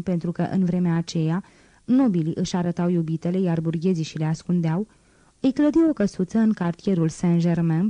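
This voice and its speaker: A woman reads a classic novel aloud as an audiobook narrator, measured and even. Her voice sits fairly low and mellow. The recording is dry and close, with no room sound. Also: dry recording. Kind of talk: audiobook reading.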